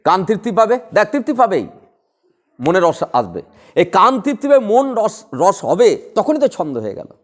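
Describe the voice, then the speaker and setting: A man's voice: sits high, big pitch swings, normal speed. A man teaching a class on poetic rhythm, who talks playfully, laughs often and acts out quarrels and recites verse. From West Bengal. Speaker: Bengali literature tutor.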